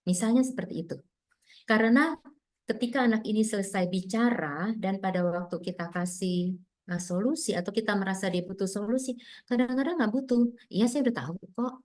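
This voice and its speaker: A woman speaking to teachers in a webinar, gentle and encouraging, explaining with many examples and acted-out dialogues. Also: mid-range voice, brisk. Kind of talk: webinar talk.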